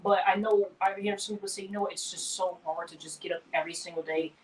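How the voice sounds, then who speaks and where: A woman's voice: fairly low pitch, fairly even intonation, quick pace. A young woman co-hosting a casual live stream, echoing her co-host and greeting viewers with upbeat energy. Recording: voice distant from the mic, faint background noise.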